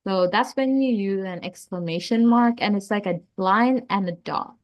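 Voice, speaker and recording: A woman's voice: medium pitch, moderate pace, darkish tone. A woman explaining grammar to young children in a casual, chatty way, often saying "like" and restarting sentences. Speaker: teacher.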